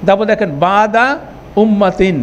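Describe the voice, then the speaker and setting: Male teacher, high voice, patient step-by-step classroom explainer, slight room hiss. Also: flat delivery, moderate pace. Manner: explains step by step with frequent check-ins. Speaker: Arabic grammar teacher. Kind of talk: classroom lecture.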